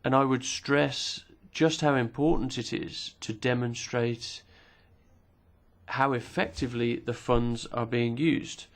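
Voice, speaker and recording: This man is simultaneously interpreting speeches during a parliamentary committee hearing, speaking formally and with measure while pausing and occasionally using fillers. He has a medium-pitched voice with vocal fry.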